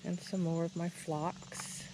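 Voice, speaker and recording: A woman giving a casual, unhurried, plainspoken tour of a garden. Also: lowish voice, little pitch movement. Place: outdoors in a garden. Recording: noisy outdoor recording with insect sounds. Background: crickets and insects.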